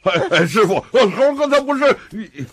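A man's voice: sits high, sing-song, normal speed, a bit bright, breathy edge, heavily acted. An actor playing a bumbling, greedy male pig-spirit disciple in a TV drama, whining and fussing comically. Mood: flustered. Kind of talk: TV drama acting.

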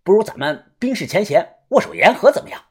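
A man voicing a smooth-talking, chummy gang boss in an audiobook, who drags out his fillers. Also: sits high, very animated, voice pushed up, full character voice. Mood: confiding. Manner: folksy, drawn-out fillers like "ah" and "hey". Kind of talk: audiobook character voice.

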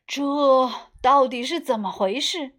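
Woman doing a blustering school principal, drawn-out delivery. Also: high voice, a bit bright, exaggerated voice. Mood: indignant. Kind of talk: storybook character voice.

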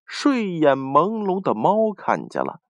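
Male storyteller, slow and very animated, dry close recording. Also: fairly high pitch, no room sound. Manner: expressive, lively reading. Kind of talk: storybook narration.

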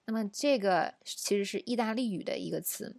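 A woman's voice: mid-range voice, fairly quick, gravelly, darkish tone, dry recording. Chatty woman teaching, dry close sound. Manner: chatty, explaining with frequent rhetorical questions. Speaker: English teacher. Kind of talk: casual language lesson.

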